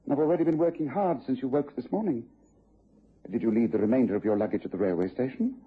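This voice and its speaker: Sherlock Holmes, brisk raspy English detective. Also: male voice, medium pitch. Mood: courteous. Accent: English Received Pronunciation. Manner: precise, incisive, formal. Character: brisk, coolly analytical, assured English gentleman detective. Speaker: actor playing lead detective in radio drama. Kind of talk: BBC radio drama acting. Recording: muffled tinny old radio recording.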